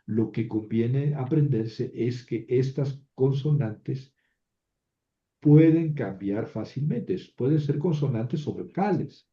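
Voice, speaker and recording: Slow-paced man teaching in an echoey room. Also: mid-range voice, expressive, warm tone. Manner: unhurried, explanatory, with frequent "¿verdad?" tags and self-corrections. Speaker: Hebrew teacher. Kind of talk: recorded lecture. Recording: dull roomy lecture recording.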